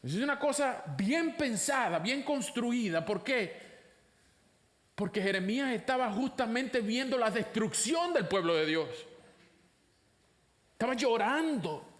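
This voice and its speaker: A man preaching a sermon, putting rhetorical questions to the congregation, his voice climbing high for emphasis and then dropping low and slow. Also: animated. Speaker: pastor.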